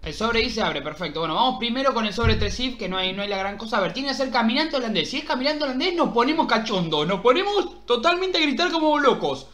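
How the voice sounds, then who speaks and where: A young man with an Argentine Rioplatense accent, commentating his own pack openings in a football game, excitable and swearing as he begs the game for luck. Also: very high voice. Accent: Argentine Rioplatense Spanish. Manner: excitable, swearing, pleading with the game, outbursts of yelling. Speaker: gaming streamer. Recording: roomy echo.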